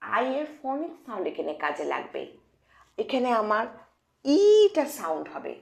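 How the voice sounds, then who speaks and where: A woman teaching English phonics to children in a lively, questioning way. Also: medium pitch, moderate pace, creaky. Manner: animated, questioning teacher voice addressing kids. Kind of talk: children's lesson.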